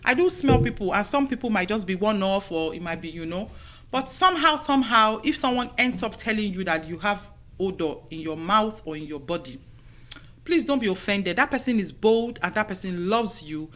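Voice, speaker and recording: A woman's voice: mid-range voice, animated, normal speed, fairly bright tone. Chatty motherly woman hosting radio advice. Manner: chatty, motherly, peppered with "you know". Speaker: radio show host. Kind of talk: casual advice talk to women listeners. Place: radio studio.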